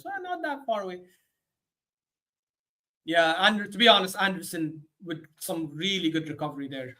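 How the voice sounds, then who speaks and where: A man hosting a football watchalong, giving live commentary that swings between low muttering and sudden excited shouts. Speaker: host of a football watchalong stream. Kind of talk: live match commentary and reaction.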